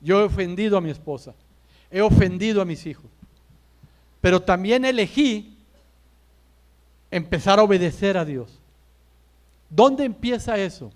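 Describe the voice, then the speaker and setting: A man, a pastor, preaching a sermon in church, building his points with rhetorical questions, emphatic pauses and repeated calls of "brother". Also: high voice, lively intonation. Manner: addresses listeners as brother.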